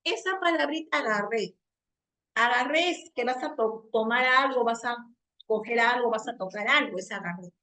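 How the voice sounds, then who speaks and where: A woman with a high, bright voice gives a classroom grammar lesson. She explains patiently, checks in with short questions and drags out the examples she wants students to hear. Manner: slows down to stress quoted examples. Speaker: teacher. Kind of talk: classroom lesson on Spanish usage.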